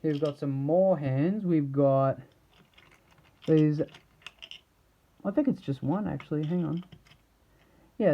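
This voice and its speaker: Man, somewhat high-pitched, casual reviewer, meandering, halting delivery, muffled low-fidelity audio. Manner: rambling, halting, trailing off mid-thought. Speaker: action figure reviewer. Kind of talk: casual unscripted product showcase.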